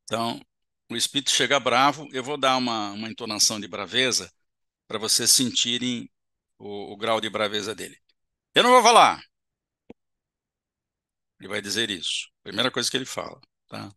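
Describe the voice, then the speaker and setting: A man's voice: on the low side, steady tone, brisk, gravelly, pushed and bright, dry recording, studio quality. A man giving a seminar lecture in an auditorium, explaining step by step and checking in with the audience with short tag questions.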